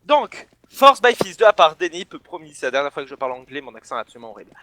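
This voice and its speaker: A man from the south of France, casting an esports match solo and bursting into shouts on big plays. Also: fairly high pitch, very animated, fast talker, a little hiss or hum. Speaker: esports caster. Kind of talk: solo play-by-play commentary.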